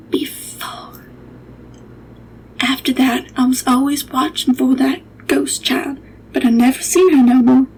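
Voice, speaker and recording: A gentle old nursemaid telling a hushed ghost tale at bedtime, as a woman plays her. The voice is high and soft, and it keeps dropping into a breathy whisper. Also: a little hiss or hum, low-quality recording. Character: older woman servant, gentle storyteller nurse.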